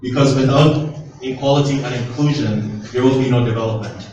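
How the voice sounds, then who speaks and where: A man giving a formal public address as a visiting official, in short, deliberate segments. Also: mid-range voice, darkish tone, muffled recording. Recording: echoey, distant, noisy public address.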